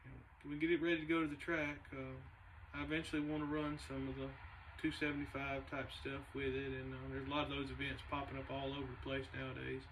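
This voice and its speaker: A man, a race car builder talking casually to the camera in a halting, laid-back way with many fillers. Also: mid-range voice, flat delivery, background noise. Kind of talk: casual vlog talk. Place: large indoor garage shop. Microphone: camera a few meters away. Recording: distant camera mic in a garage.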